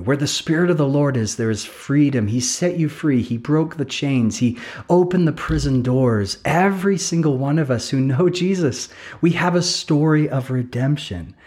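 A man's voice: medium pitch, darkish tone. Earnest man preaching in repeated phrases. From England. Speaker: pastor. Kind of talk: sermon.

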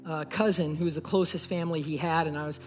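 A man's voice: on the high side, fairly even intonation, fast. A young man preaching a sermon, an earnest pastor telling a story and speaking straight to the congregation. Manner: earnest, talks straight to the audience. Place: church sanctuary. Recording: echoey hall with faint music.

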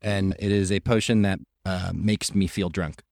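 A man as a player in a tabletop role-play, playful and quick with banter. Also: sits low, steady tone, darkish tone, no echo, clean studio sound.

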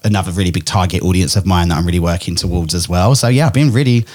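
With a deep, slightly mellow voice, this Englishman in his thirties, an event host and podcaster whose accent mixes English and Australian, talks chattily in a podcast interview at home. He jokes readily, often at his own expense.

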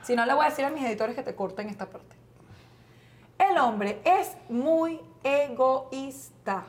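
A woman in her thirties with a Venezuelan accent, co-hosting a comedic talk show and ranting in an animated, exasperated way. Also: high-pitched, a little slow. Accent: Venezuelan Spanish. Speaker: co-host. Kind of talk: casual comedic banter.

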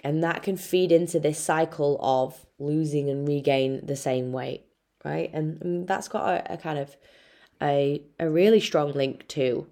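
A woman's voice: low voice, a little mellow. A young Irish woman, a nutritionist hosting her own podcast, talking casually and frankly, swearing freely and calling the listener babe. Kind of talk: casual solo podcast talk.

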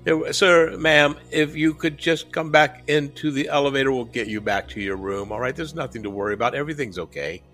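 A man playing a polite older hotel clerk who keeps calming upset guests. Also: mid-range voice, fairly quick, few pauses, faint music behind, pitched above the performer's own voice, natural voice. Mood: placating. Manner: placating, soothing, polite. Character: smooth older male hotel desk clerk.

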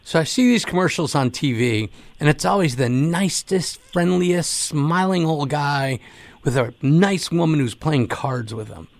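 A man hosting a casual interview, joking and teasing with quick questions. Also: a little high, animated, gravelly. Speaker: host.

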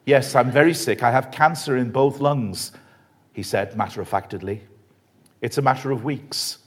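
A man's voice: medium pitch, expressive, normal speed, natural voice. A man voicing a terminally ill young man in his twenties who speaks plainly and steadily. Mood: matter-of-fact. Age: 20s. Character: dying young man, calm and matter-of-fact.

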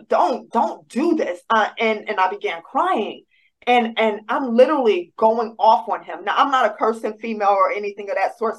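A woman's voice: on the high side, poor audio. Woman telling an emotional faith story. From United States. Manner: halting, many restarts, rising as she grows emotional. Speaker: guest sharing a personal story. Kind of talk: personal testimony, emotional storytelling.

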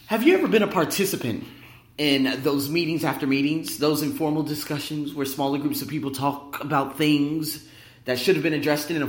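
A man in his thirties hosting his own podcast, talking emphatically and rambling in a motivational monologue, recorded in an echoey room at his workplace. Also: medium pitch. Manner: animated, emphatic, rambling and conversational. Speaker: podcast host. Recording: echoey room with big reverb.

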